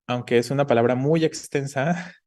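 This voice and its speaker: A man's voice: medium pitch, normal speed, a little mellow. A man teaching an online class, explaining patiently and checking in with the students often. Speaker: Spanish teacher.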